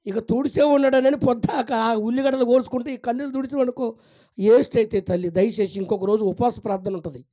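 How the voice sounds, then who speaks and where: Preaching a sermon on fasting and prayer, a high-voiced male pastor moves from loud exclamations to soft, tender pleading. He calls his listeners child and mother, and his delivery is fervent throughout.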